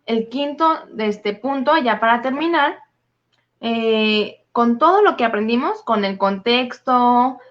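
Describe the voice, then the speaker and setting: Higher-voiced woman teaching a Bible study. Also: fairly bright tone. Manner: methodical, listing definitions. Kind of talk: explaining scripture word meanings. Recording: dull lo-fi recording.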